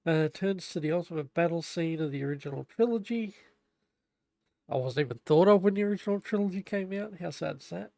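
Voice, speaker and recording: A man's voice: on the high side, animated, fairly quick, gravelly, warm tone, no room sound. A young man chatting casually while building on a live stream, stumbling as he reads the manual aloud. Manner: chatty, self-deprecating, stumbles over reading. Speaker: livestreamer building a Lego set.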